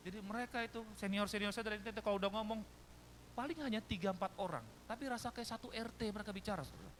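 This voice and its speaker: A man's voice: high-pitched, racing, a little hiss or hum. A male pastor from Jakarta with a Betawi Jakarta accent, preaching a sermon and telling stories in which he acts out other people's voices. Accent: Betawi Jakarta Indonesian.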